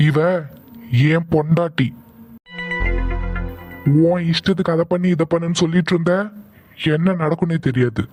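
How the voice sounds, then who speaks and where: A man's voice: on the high side, fairly even intonation, moderate pace, long pauses, over music, natural voice. Man voicing Aadhi, a protective hot-tempered husband. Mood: angry. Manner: sharp, commanding. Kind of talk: cartoon voice acting.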